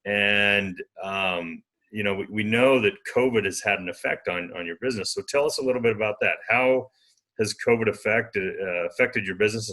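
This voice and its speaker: A man's voice: lowish voice, pushed and bright. A man hosting a business interview in a friendly, enthusiastic way.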